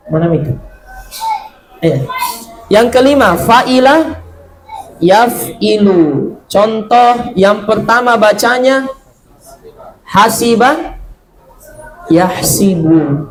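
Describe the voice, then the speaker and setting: A man teaching an Arabic grammar lesson, drilling verb patterns and answering his own questions, drawing out each Arabic word slowly. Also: extremely high pitch, animated, fairly bright tone, a little hiss or hum, rough recording. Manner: slow, drawn-out reading of Arabic words. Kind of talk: classroom lesson.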